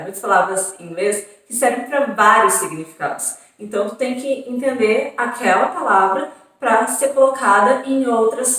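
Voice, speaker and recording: A young Brazilian vlogger on an exchange program chats casually in southern Brazilian Portuguese, tossing in frequent tag questions and fillers. Her voice is medium-pitched and fairly bright, recorded far from the mic in a very echoey room.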